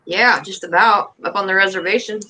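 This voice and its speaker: A woman's voice: medium pitch, a little fast, pushed and bright, rough recording. A blunt, teasing woman chatting casually with friends. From lived in North Dakota about half her life. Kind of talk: casual chat. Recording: some background noise.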